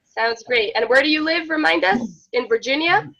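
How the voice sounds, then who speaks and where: Israeli woman, high pitch, near-American accent; friendly instructor on a video call. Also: a bit bright, highs cut off. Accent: slightly unusual American-sounding English, Israeli-born. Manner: friendly, measured, with many fillers. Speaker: Hebrew instructor. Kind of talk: online class introduction.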